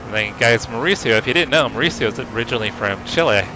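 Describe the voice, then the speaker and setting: A man with a mid-pitched voice chats casually on a sim racing livestream. He drops asides to himself between remarks to viewers, with clear car engine noise running behind him. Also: lively intonation, fast talker.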